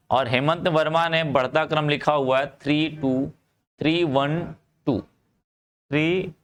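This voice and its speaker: Male online chemistry tutor, slightly higher voice, repetitive and coaxing with students. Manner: urges students to answer quickly, repeating phrases; calls students "bachcha" and "bhai". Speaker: chemistry teacher. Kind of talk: live online class lecture.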